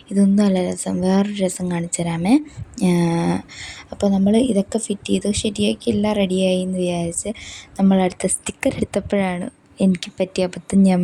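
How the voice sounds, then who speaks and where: Chatty woman vlogger, husky and mellow, recorded at home near an open window. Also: fairly low pitch. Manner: chatty, explains each step, frequent fillers. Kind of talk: casual unboxing vlog narration. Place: home room with window open, street traffic outside.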